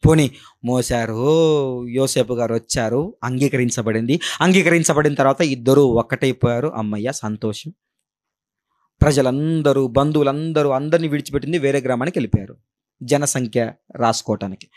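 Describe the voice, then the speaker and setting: A man with a Telugu accent preaching a Christmas sermon. He asks his listeners rhetorical questions and swings between loud, high passages and hushed, low ones. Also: normal speed.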